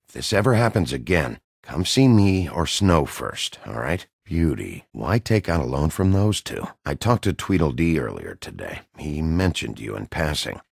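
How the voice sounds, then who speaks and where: An actor playing a gruff, weary, hard-boiled wolf detective in a video game, with a gravelly, husky voice and a blunt, dry, brooding way of questioning. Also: male voice, rumbling low, no echo, exaggerated voice. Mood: gruff, probing.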